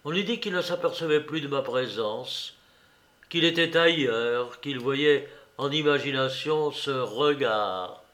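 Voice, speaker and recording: A man narrating a story aloud in a slow, measured, storytelling manner. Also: medium pitch, fairly bright tone. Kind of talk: audiobook narration.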